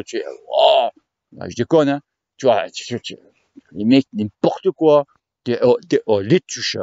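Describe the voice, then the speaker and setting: A man rants to his cycling viewers in a crude, slangy, rambling way. His voice sits a little high. The recording is dry and slightly dull. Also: darkish tone, dry recording. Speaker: cycling vlogger. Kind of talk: casual rant to viewers.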